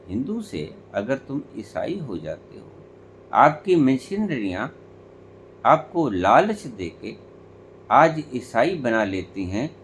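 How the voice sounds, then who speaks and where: A man giving a spiritual discourse, emphatic and full of rhetorical questions, with deliberate pauses between phrases. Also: medium pitch, a little hiss or hum. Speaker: spiritual teacher.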